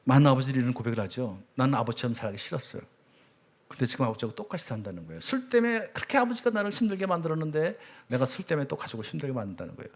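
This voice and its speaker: A middle-aged man preaching a sermon as a church elder, telling stories with sudden swings between loud cries and hushed words. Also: mid-range voice, wildly swooping pitch, racing, hardly any pauses. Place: church sanctuary.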